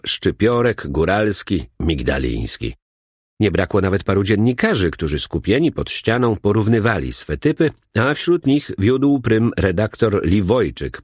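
Male audiobook narrator, low and husky, very lively intonation. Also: dry recording, clean studio sound.

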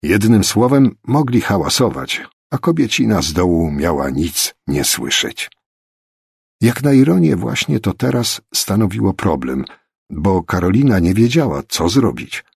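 Male audiobook narrator, deep voice, husky, lively intonation, dry close sound. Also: measured pace, no echo. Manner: expressive storytelling. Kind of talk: scripted narration.

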